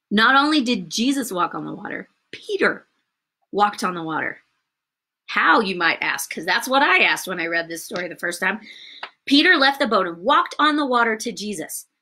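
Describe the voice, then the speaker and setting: A woman teaching a Bible story to children, animated and asking them questions as she goes. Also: medium pitch. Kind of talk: Bible story lesson for kids.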